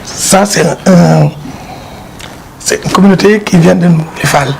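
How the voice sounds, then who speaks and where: A man, an art dealer and collector, explaining his pieces in a casual interview, halting and repeating words as he goes. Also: high voice, vocal fry. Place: exhibition hall with his collection. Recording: noisy background hiss.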